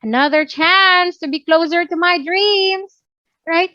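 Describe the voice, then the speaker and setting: Her voice is very high-pitched, bright and pushed, and she takes her time. This woman trainer in workplace communication has a Filipino English accent and mixes Tagalog with English as she teaches, often making sure listeners follow along. There's no echo, and the highs are cut off.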